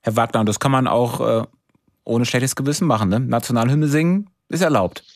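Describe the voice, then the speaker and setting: Brief: male radio call-in host, brisk questions, dry studio sound. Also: medium pitch, dry recording. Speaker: radio talk show host. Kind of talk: live radio call-in moderation.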